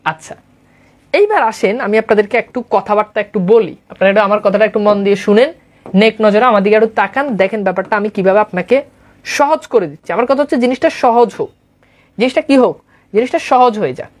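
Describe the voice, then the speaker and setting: A woman's voice: mid-range voice, lively intonation, quick pace. A woman teaching a grammar lesson online, repeating points and quizzing her listeners. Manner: repetitive, drilling, quizzes listeners often.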